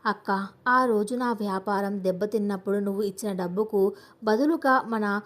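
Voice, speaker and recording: A woman's voice: mid-range voice, moderate pace, lightly acted. A woman narrator voicing a meek, frightened older father who pleads in a trembling voice. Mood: pleading.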